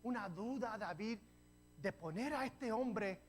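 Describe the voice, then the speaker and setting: A man from New Jersey preaching a sermon as pastor, telling the story in a lively way and putting rhetorical questions to the congregation. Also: sits high, unhurried. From New Jersey, USA. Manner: jokes with the congregation.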